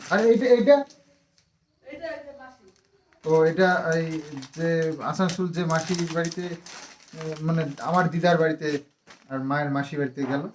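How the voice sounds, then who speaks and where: A woman's voice: sits low, moderate pace, long pauses, darkish tone, a little hiss or hum. A woman from West Bengal chatting casually to camera at home for a family vlog, rambling with lots of fillers, tired after a long ride. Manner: fond and teasing when talking to a child. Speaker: family vlogger.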